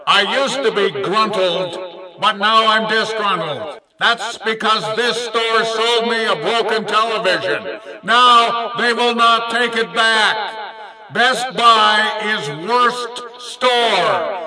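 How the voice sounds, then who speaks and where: A man voicing a customer making a deadpan store intercom announcement, in a slow, flat announcer delivery. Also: sits high, far from the mic, crowd noise, pitched above the performer's own voice, rough recording.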